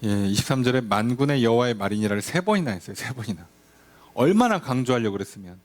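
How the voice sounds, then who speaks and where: A man's voice: medium pitch, lively intonation, fast talker. A male pastor teaching a Bible study, talking conversationally with his congregation and acting out quoted voices. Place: church.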